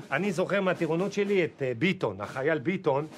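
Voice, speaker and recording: A man's voice: on the high side, slight background noise. A male comedian telling an army anecdote and acting out the quotes. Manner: lively, acts out quotes. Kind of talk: storytelling.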